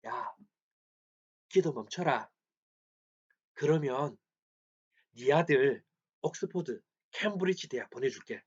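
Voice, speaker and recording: Preacher putting on a low sly satan voice, hushed and coaxing, kinda muffled recording. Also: male voice, lively intonation, moderate pace, pauses often. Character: sly whispering male Satan tempter. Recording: slightly dull lo-fi recording.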